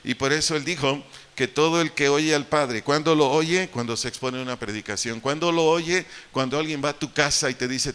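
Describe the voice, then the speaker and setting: A man's voice: fairly high pitch, fairly bright tone, clean tone. A man with a Mexican Spanish accent, preaching a sermon as pastor and putting rhetorical questions to his congregation. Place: church hall.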